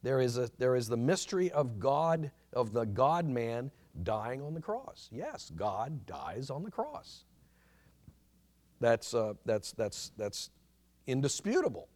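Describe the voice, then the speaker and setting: A man with a mid-range voice teaches a church class. His delivery is earnest but halting, full of restarts and fillers as he works through each point. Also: mid-range voice, darkish tone. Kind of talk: informal church history lecture.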